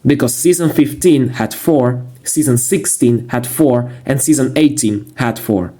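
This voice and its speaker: A man narrating a casual video review in a monotone, matter-of-fact way. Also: mid-range voice, measured pace. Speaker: YouTube reviewer.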